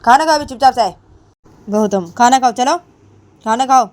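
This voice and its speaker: A woman's voice: on the high side, expressive, moderate pace, creaky, mellow, breathy edge, voice pushed up, full character voice. A woman voicing a stern middle-aged mother-in-law who scolds and repeats her commands. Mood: scolding. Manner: bossy, repeats threats and commands.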